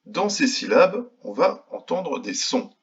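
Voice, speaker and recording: This remote phonics lesson comes from a male kindergarten teacher who slowly, patiently sounds out letters for young children. He speaks a little high and very animated, with a husky voice, and the audio is muffled.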